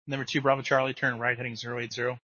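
A man working as an air traffic controller, giving brisk, procedural instructions over the radio. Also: medium pitch, flat delivery, pushed and bright, no echo. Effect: radio transmission. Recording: muffled lo-fi radio audio.

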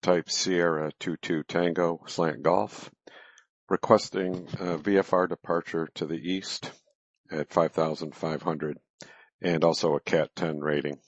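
A man's voice: low voice, little pitch movement, measured pace, no room sound. A man flying a small plane, making clipped radio calls and readbacks to air traffic control over his cockpit headset. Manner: clipped, standard aviation phraseology with readbacks. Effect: cockpit headset radio transmission. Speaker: private pilot. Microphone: headset microphone. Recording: dull, lo-fi, dry radio audio.

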